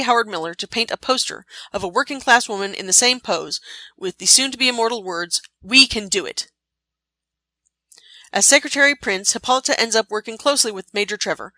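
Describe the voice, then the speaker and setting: A woman narrates a scripted story recap with a bright, forward tone. The recording is close and dry, with no room sound around her. She tells it in a measured, expressive way. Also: mid-range voice, no echo. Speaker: podcast host.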